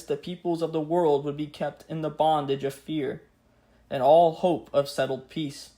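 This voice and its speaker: Grave, measured man narrating history, slightly higher-pitched. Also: a little mellow. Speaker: podcast host and narrator. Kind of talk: scripted history narration with a solemn read-out speech.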